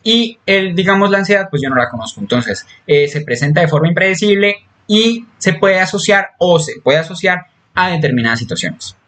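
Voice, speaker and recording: A man's voice: high-pitched, animated, brisk, fairly bright tone. A man giving a recorded psychology class, explaining step by step with fillers, restarts and frequent "¿sí?" check-ins. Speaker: psychology lecturer.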